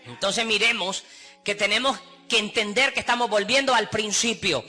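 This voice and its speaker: A man's voice: sits high, normal speed, sharp tone, faint music behind. A man with a Honduran Spanish accent preaching a sermon with passion, acting out pleading voices through repetition. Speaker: pastor.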